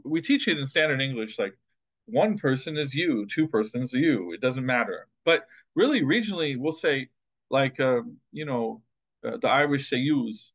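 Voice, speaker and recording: A man's voice: mid-range voice, low-quality recording. A man teaching an introductory linguistics class, lecturing casually and thinking aloud with many fillers and restarts. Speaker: linguistics instructor.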